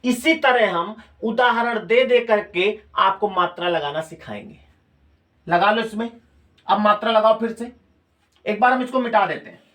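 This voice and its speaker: Unhurried and sitting high, with a fairly bright tone, a male teacher lectures his classroom in an Uttar Pradesh Hindi accent. He keeps repeating key phrases and putting questions to his students.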